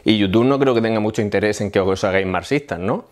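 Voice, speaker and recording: Man, YouTube vlogger, heated monologue to camera, repeats himself and builds to shouts. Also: on the low side, quick pace. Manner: fiery, repetitive, rising to shouts of indignation. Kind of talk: impassioned political monologue to camera.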